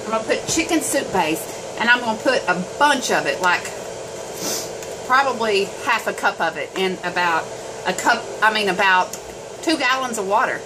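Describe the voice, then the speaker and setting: A woman's voice: medium pitch, expressive, normal speed. A woman chatting homily to viewers while she cooks in her kitchen. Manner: chatty, homespun, talks to viewers while cooking. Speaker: home cooking vlogger. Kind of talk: casual cooking chat. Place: home kitchen. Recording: home kitchen, mic at a distance, cooking noise. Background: chopping, sizzling pans and dishes.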